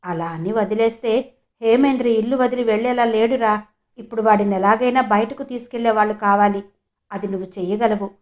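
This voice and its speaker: A woman's voice: fairly high pitch, steady tone, a little fast, a little mellow, natural voice. A woman voicing a middle-aged village mother who speaks in a sorrowful, beseeching way in an audiobook. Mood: pleading.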